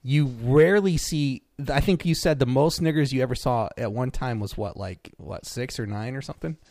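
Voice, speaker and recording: A man's voice: mid-range voice, normal speed, darkish tone, clean studio sound. A man hosting a casual chat, laughing often and echoing guests' words back as questions. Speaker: host.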